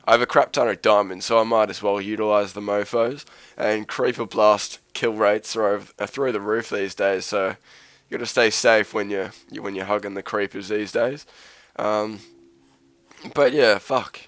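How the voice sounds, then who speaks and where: A man with a sick voice talks through his gameplay in a loose, rambling way, cursing often and joking at his own expense. His voice sits fairly low and comes through smooth and clear. The recording is dry and close. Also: fairly even intonation, normal speed, a bit bright, no room sound. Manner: rambling, profane, self-mocking. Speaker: Let's Play host. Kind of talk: casual gameplay commentary.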